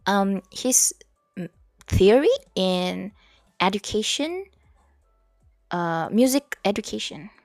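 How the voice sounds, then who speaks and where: A woman's voice: medium pitch, animated, takes it slowly, pauses often, darkish tone, dry recording, clean studio sound, soft background music. A young Malaysian woman streaming while she studies, chatting casually with viewers and reading their messages aloud. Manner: chatty, mixes English and Malay, reads chat aloud. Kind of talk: casual study stream chat.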